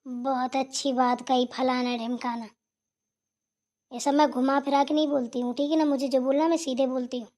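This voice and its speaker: A woman's voice: sits high, little pitch movement, normal speed, darkish tone, natural voice. A woman voicing a rude, lazy younger sister-in-law in a cartoon, who snaps bluntly and keeps asking "right?". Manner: blunt, scolding, repeats "theek hai na". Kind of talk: cartoon voice acting.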